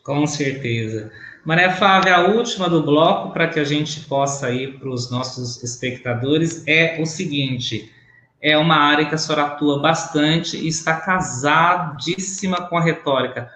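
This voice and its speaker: A man's voice: fairly high pitch, unhurried, sharp tone. A man interviewing a guest in a live online talk, asking his questions formally and politely over a video call. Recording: roomy, faint background noise.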